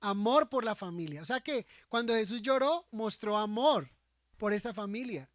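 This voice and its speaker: A man's voice: high voice, expressive, moderate pace, a bit bright, no echo, clean studio sound. A man preaching a sermon as pastor, often asking the congregation rhetorical questions and acting out quoted speech from scripture.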